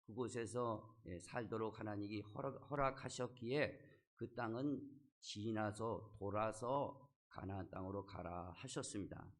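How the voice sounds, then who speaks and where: A man with a fairly low voice delivers a Sunday sermon as the church's senior pastor. He retells the scripture story in his own words, pausing on short affirming fillers between phrases.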